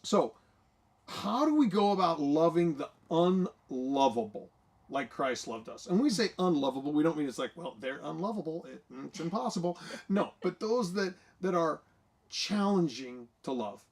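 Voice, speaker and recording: Male co-host, slightly higher voice, casual faith chat full of fillers and restarts, earnest tone. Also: very animated, moderate pace, darkish tone. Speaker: co-host of a church livestream. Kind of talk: casual faith talk with scripture reading.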